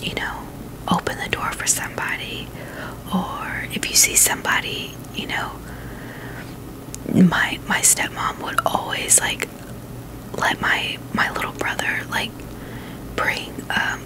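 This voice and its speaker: This roughly recorded clip has a woman hosting an ASMR video, her breathy, unvoiced whisper carrying gentle, halting, casual chatter.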